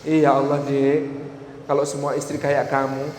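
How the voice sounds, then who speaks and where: A man voicing a humble young newlywed husband who speaks quietly and apologetically, in an echoey hall. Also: mid-range voice, completely flat delivery, moderate pace, background noise, pitched below the performer's own voice, natural voice. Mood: gentle.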